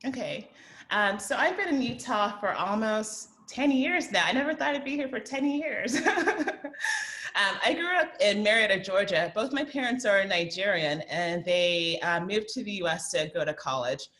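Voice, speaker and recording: This guest speaker, a woman in her thirties from the American South, gives a forum talk and handles Q&A. Her medium-pitched voice is animated and slightly bright. She comes across as thoughtful, talking in quick bursts with lots of fillers.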